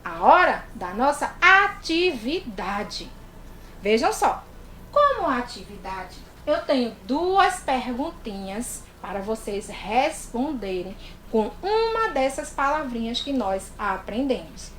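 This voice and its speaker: High, sing-song teacher in an echoey room. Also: female voice, sing-song, a bit bright, a little hiss or hum. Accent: Brazilian Portuguese. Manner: slow, sing-song, exaggerated for small children. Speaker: primary school teacher. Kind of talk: online literacy lesson for young children.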